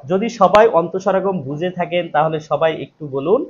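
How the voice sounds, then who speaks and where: A man's voice: fairly high pitch, normal speed. A man teaching a live online exam-prep class, repeating each question and then answering it himself, stressing key words. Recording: dull lo-fi stream audio with faint noise.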